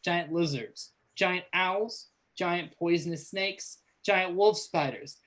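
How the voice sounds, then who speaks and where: A man's voice: high-pitched, slow pace, a bit bright. A man running a tabletop role-playing game on a live stream as game master, chatting casually and organizing the players.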